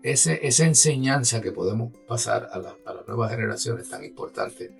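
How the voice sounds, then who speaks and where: A man with a Puerto Rican Spanish accent, an orchestra musician appearing as an interview guest, talks conversationally, explaining with animation and checking in with his listener. His mid-range, creaky voice has lively intonation and a moderate pace, recorded from a distance with soft background music.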